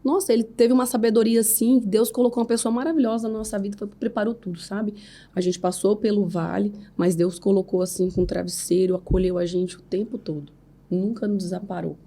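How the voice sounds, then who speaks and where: A woman's voice: medium pitch, steady tone, a little fast, dark tone. A woman in her thirties with a Brazilian accent, a podcast guest telling a personal story of faith in an earnest way, often adding "né?" as a tag. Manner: earnest, faith-filled storytelling with frequent "né?" tags. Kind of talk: emotional personal testimony.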